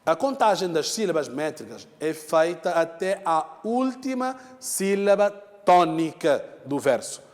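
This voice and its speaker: Higher-voiced man teaching in a reverberant hall. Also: sing-song, unhurried. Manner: explanatory, repeats key terms, frequent "né?" checks. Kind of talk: televised lesson.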